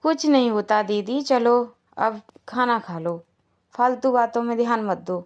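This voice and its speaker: A meek, selfless young daughter-in-law in a cartoon family, voiced by a woman. Her voice sits a little high and sounds patient. She reassures others gently and never pushes back. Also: unhurried, dull audio, close to an everyday voice. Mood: reassuring. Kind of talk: Hindi cartoon voice acting.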